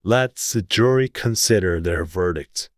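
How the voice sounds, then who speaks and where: Man as smug storybook king, lowish voice, unhurried, deliberate, full of himself. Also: no room sound, studio quality. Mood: pompous. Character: self-satisfied, pompous, slow-witted storybook king.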